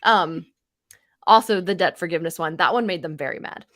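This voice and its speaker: A woman's voice: fairly low pitch, fairly quick, a bit bright, no echo. Dry-voiced woman reading comments aloud. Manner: reads hostile tweets aloud in mocking voices. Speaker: podcast co-host. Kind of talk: casual chat, reading out comments.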